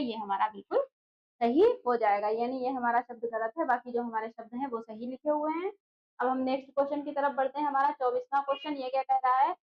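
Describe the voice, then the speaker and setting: A woman's voice: high voice, poor audio. A woman teaching an exam-prep lesson who keeps asking rhetorical questions and answering them herself.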